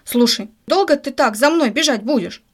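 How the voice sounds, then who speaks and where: A woman doing a gruff, scolding fisherman. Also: sits high, animated, normal speed. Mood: grumbling. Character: grumpy impatient male fisherman.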